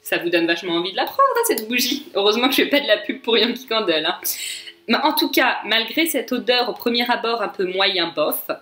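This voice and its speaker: A woman's voice: mid-range voice, expressive, a little fast, sharp tone. A young woman from France chatting casually to camera, enthusiastic and full of fillers and asides. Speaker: vlogger. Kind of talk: casual chat. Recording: echoey room with faint music.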